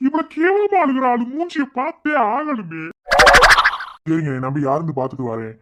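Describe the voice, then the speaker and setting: Man voicing a gruff scolding cop. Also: extremely high pitch, moderate pace, lo-fi sound, heavy background noise. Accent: Madurai Tamil. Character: blunt, scolding village police inspector. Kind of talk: cartoon voice acting.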